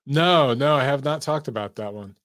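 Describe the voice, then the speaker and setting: A Detroit man hosts a call-in sports show, chatting casually about sports in an emphatic way and swearing now and then. His voice is medium-pitched and fairly bright, at a normal pace, recorded at studio quality with no echo.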